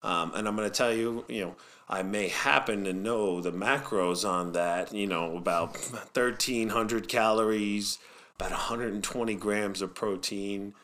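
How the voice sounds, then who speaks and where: Low-voiced man, jokey and opinionated. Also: fairly even intonation, a little slow, a bit bright. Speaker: football coach, podcast host. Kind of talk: casual podcast chat.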